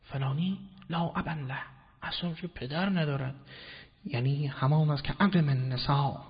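A man's voice: fairly high pitch, breathy edge. A man giving a formal, explanatory religious lecture and quoting Arabic verses. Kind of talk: religious lecture on Quranic wording. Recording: dull lo-fi recording with long hall reverb.

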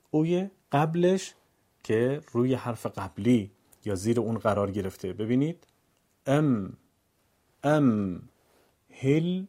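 A man teaching Quran reading in a patient lesson voice, drawing out each syllable slowly when he demonstrates. His tone is dark and mellow, and his pitch sits in an ordinary middle range. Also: slightly rough. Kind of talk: instructional lesson narration.

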